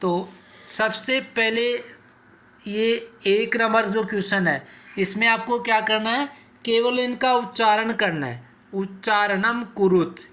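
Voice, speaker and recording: A male schoolteacher talks his pupils through a vocabulary lesson at an unhurried, deliberate pace. His voice is bright and forward, and he poses questions only to answer them himself. He says each word slowly so the class can repeat it after him. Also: sits high. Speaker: teacher. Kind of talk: classroom explanation for school students.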